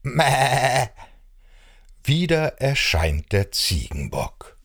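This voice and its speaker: A man narrating a children's audio story in a gentle, measured way. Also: fairly low pitch, big pitch swings, husky.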